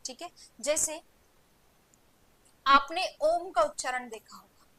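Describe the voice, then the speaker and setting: Over a rough recording with no echo, a young woman with a high, sharp voice slowly delivers an online Hindi grammar lecture. She asks her class rhetorical questions, supplies the answers herself, and repeats "ठीक है" often.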